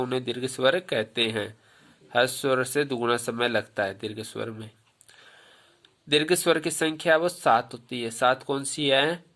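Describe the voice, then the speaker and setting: A man's voice: medium pitch, fairly bright tone. A man teaching Hindi grammar, asking his pupils questions, answering them himself and repeating the key points. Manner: tells pupils to remember. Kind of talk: classroom lesson with questions to pupils.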